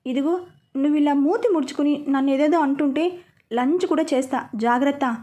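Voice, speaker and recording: A woman's voice: high voice, fairly quick, warm tone, close to an everyday voice. A woman voicing a teasing young husband. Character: playful romantic young husband.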